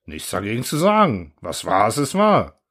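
A man's voice: lowish voice, wildly swooping pitch, a bit bright, exaggerated voice. A man doing a clumsy rambling guard. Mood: earnest rambling. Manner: halting, rambling, full of fillers. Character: bumbling male airfield guard, eager, clumsy speaker.

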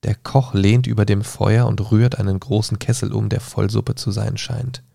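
A man reading a solo gamebook aloud on his podcast, pausing to mutter hesitant asides while leafing through pages. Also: fairly low pitch, level tone, creaky, dark tone, no echo, studio quality. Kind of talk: reading aloud and thinking out loud.

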